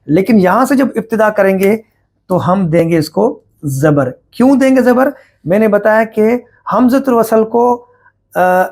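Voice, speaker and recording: A man teaching Quran recitation rules, explaining patiently, asking and answering his own questions, and chanting verses slowly as examples. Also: high-pitched, a little mellow.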